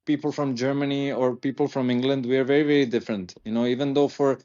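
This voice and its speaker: A man's voice: mid-range voice, fairly even intonation, fast, dark tone, dull audio. A man, a guest in a casual interview, talking hesitantly with many fillers and restarts. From Serbia.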